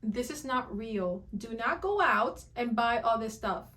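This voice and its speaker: A woman's voice: a little high, animated, unhurried, bright, forceful tone. A woman hosting skincare reaction commentary, emphatic and incredulous, often breaking into laughter.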